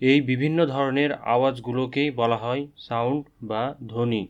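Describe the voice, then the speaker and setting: A man teaching an English lesson, repeating words slowly and spelling them out letter by letter. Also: mid-range voice, fairly even intonation, lo-fi sound. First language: Bengali. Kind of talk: slow, drilled English lesson with repetition.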